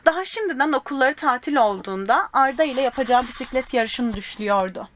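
High-voiced woman reading a children's story. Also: expressive, fast talker, slight background noise. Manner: gentle, addresses young listeners directly; voices the characters' lines in small shifts.

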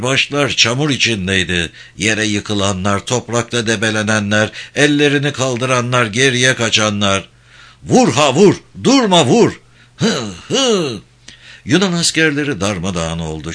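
A man narrating a war novel in a steady storytelling delivery. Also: medium pitch.

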